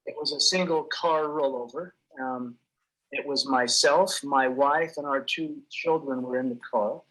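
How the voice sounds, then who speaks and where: Bright husky-voiced man telling his story. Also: medium pitch, poor audio. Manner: earnest, halting, with repeated restarts. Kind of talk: personal testimony.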